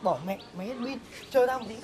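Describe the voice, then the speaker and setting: A man's voice: extremely high pitch, very fast, a little mellow, a little hiss or hum. An actor playing a boastful young village man who leads a hired mourning troupe, speaking brashly.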